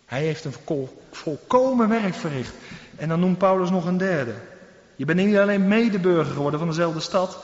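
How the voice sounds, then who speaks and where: A man's voice: high voice, expressive, normal speed. A man preaching a sermon from the pulpit in a church, emphatic and full of rhetorical questions. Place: church hall. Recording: echoey church hall, dull sound.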